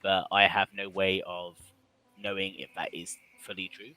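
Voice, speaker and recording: A man calls an online game match with a very bright, sharp tone sitting a touch low. He talks casually and cracks jokes between plays. English is not his only first language. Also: little pitch movement, faint music behind, poor audio. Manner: joking, chatty, quick to apologize. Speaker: esports commentator.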